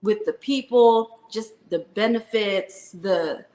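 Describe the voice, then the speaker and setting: A woman in her thirties, an Army first sergeant, speaks earnestly in an interview with plenty of "um"s. Her voice is mid-pitched and rings in a roomy space. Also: slow, a little mellow. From Philippines, raised in New Jersey. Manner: earnest, heartfelt storytelling with fillers. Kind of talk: interview conversation.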